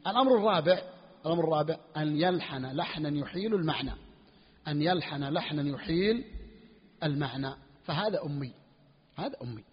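A man teaching a jurisprudence lesson, repeating key phrases slowly for emphasis and asking questions that he answers himself. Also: a little high, animated, slightly rough. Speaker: sheikh teaching Hanbali jurisprudence. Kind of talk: classical Arabic fiqh lesson. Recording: lo-fi lecture recording in a reverberant hall.

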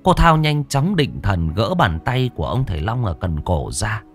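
A man's voice: lowish voice, big pitch swings, normal speed, faint music behind. A man narrating a horror story in a dramatic, suspenseful storytelling voice.

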